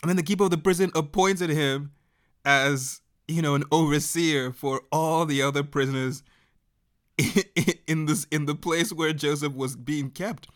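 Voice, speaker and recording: A man preaching a sermon as a story, animated, laughing often and breaking into shouts. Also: a little high, measured pace.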